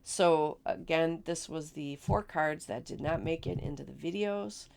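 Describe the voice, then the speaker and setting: Crafting host, woman, low and gravelly, raspy today, chatty and upbeat. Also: unhurried, darkish tone, a little hiss or hum. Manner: chatty, enthusiastic, with fillers and repeats. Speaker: card-making channel host. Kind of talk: casual crafting tutorial.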